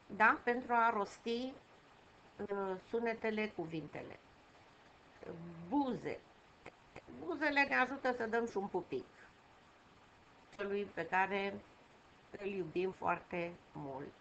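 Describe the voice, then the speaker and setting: A woman teaches young children, patiently repeating key words with small fillers. Her voice sits at an ordinary pitch. It comes through a dull, slightly muffled recording with a faint hiss behind it. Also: pauses often, fairly bright tone. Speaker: primary school teacher. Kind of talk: online lesson for young children.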